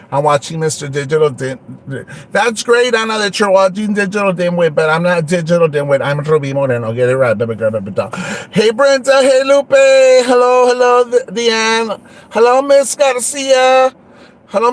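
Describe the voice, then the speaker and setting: A man playing Rubí Moreno, a brassy gossip. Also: high voice. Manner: switches between Spanish and English, crude, gossipy. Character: brash foul-mouthed gossiping woman livestream host. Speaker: host. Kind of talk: comedy livestream character.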